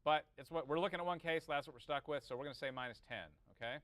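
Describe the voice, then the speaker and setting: Racing along in a fairly high, fairly bright voice, this man teaches audio engineering informally, reasoning out a calculation and tossing in quick check-in questions. There's no echo.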